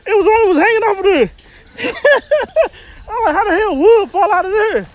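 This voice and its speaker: A man in his thirties vlogging while fishing off a riverbank, loud and laughing, swearing a lot, recorded on a phone camera outdoors. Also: very high-pitched, expressive, brisk, no echo. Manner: loud, laughing, profane hype talk. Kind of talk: casual fishing vlog banter. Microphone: phone camera held or propped nearby.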